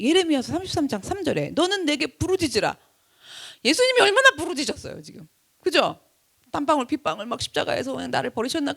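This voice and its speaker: A woman pastor delivers an impassioned sermon in a high, bright voice. Her pitch leaps and falls widely as she swings from loud cries to hushed, low lines. She keeps questioning her listeners and answering herself. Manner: asks the congregation questions and answers them herself.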